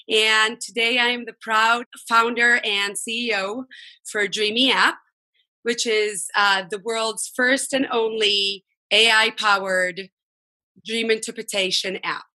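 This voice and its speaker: Bright-voiced Israeli-born woman guest. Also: mid-range voice, fairly even intonation, a little slow. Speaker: guest, app founder. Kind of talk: interview answers.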